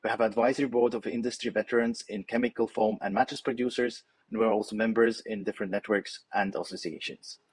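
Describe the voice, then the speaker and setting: A man giving a confident, rehearsed startup pitch in a polished way. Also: fairly even intonation, quick pace, hardly any pauses, breathy edge, dry recording.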